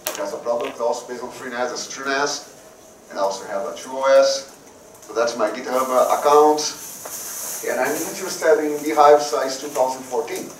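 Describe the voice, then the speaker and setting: Halting man giving a tech talk. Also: mid-range voice. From Brazil. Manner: halting, often repeats words before going on. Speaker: conference speaker. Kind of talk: technical conference talk. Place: conference room. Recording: roomy hall, voice from a distance, faint noise.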